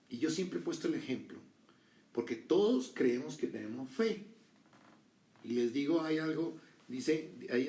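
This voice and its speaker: Gravelly preacher in an echoey room. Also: male voice, on the high side, a little mellow, distant mic. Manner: conversational preaching with rhetorical questions and acted quotes. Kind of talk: sermon.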